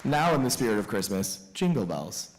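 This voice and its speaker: A man's voice: on the low side, big pitch swings, moderate pace, some chatter behind, slight background noise. A man directing a school band, announcing each song to the audience with chatty, joking asides. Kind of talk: announcing songs at a school concert.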